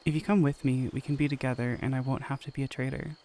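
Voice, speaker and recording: A man's voice: mid-range voice, steady tone, fast, warm tone, close to an everyday voice. A man reading the lines of an earnest young male soldier who pleads with the woman he loves, in an audio story. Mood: pleading.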